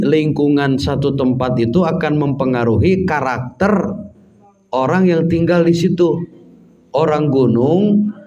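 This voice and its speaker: A man with a Sundanese accent, an Islamic preacher giving an unhurried, chatty religious study lecture, sometimes mimicking local dialects. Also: medium pitch, a little mellow. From West Java, Indonesia. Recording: distant mic, dull lo-fi sound, faint background hum.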